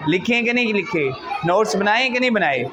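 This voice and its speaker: A male English teacher lectures a class and fires question after question at his students. Pupils chatter all around him. The recording is loud and noisy. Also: high voice, expressive, brisk. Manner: asks the class many questions, calls students "beta". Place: school classroom.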